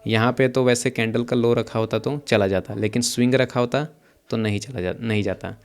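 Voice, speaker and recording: Young man explaining trades quickly. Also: mid-range voice, fairly even intonation, clean tone. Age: young adult. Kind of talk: casual screen-share trading walkthrough. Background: some background noise.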